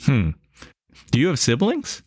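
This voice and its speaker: A man's voice: mid-range voice, huge pitch swings, a little slow, a little mellow, slightly rough, no room sound, studio quality. A man hosting a podcast interview, introducing the guest and asking questions in an upbeat, enthusiastic way. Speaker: podcast host.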